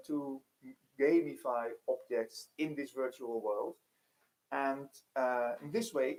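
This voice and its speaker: Creaky-voiced guy, explaining tech stuff at a seminar, stops and starts a lot. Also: fairly high pitch, darkish tone, low-quality recording. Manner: halting, searching for words, repeats himself. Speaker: technician co-presenting.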